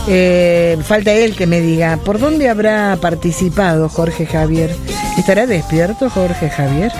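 A woman's voice: lowish voice, measured pace, over music. A woman with an Argentine Spanish accent, hosting a late-night radio show and talking casually with listeners. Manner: chatty, warm-hearted and reassuring with listeners. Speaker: radio host.

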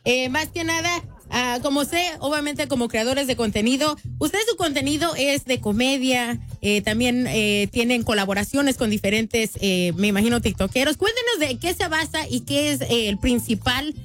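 Una mujer que conduce una entrevista de radio, platicadora y animada, con muchas muletillas. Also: female voice, high-pitched, expressive, normal speed, fairly bright tone, faint music behind. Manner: upbeat, chatty, frequent fillers. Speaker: radio host. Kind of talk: radio interview.

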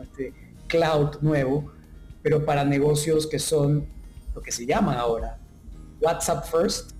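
A mellow, warm-toned man in his thirties, originally from Ecuador, talks at length about his business in an interview. He speaks fluently but fills his sentences with hesitations and restarts. Faint music plays softly behind him. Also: mid-range voice. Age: 30s. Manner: fluent, many filler pauses and restarts. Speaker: tech startup founder, guest.

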